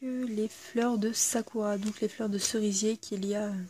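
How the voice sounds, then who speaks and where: Mellow-voiced woman doing a casual unboxing. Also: medium pitch, fairly even intonation, moderate pace. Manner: hesitant, with frequent fillers and self-corrections. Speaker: YouTuber reviewing a subscription box.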